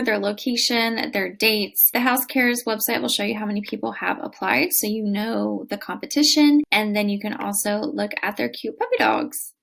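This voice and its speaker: Casting: woman in her 30s, travel vlogger, gravelly slightly high voice, chatty screen-tour delivery. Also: a bit bright. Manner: chatty, explanatory, laughs often. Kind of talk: screen walkthrough tutorial. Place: house in Oxford, England.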